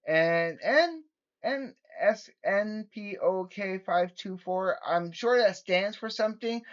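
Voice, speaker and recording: A man's voice: sits high, fairly bright tone. A man vlogging casually to his viewers, rambling with frequent restarts and self-corrections. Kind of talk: casual chat to camera. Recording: dull lo-fi home recording.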